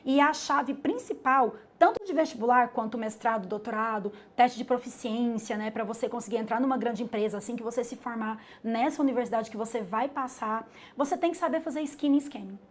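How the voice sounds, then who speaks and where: A Brazilian woman with a slightly high voice teaches a live webinar lesson. She talks in a chatty, explaining way, calls herself "the teacher", and keeps checking in with "né?" as she walks through her points. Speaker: English teacher.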